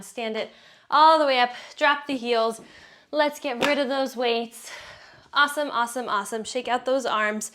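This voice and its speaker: Breathy, encouraging female workout instructor. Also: a little high, fairly bright tone. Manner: encouraging, counts reps and cues breathing. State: slightly out of breath from exercising. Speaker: fitness instructor.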